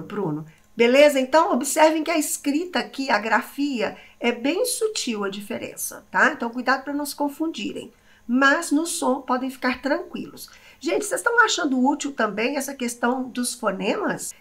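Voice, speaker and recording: A Brazilian woman in her forties gives an online English lesson in a slightly high voice. She is lively and chatty and keeps speaking straight to her students. She has a Brazilian Portuguese accent. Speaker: English teacher.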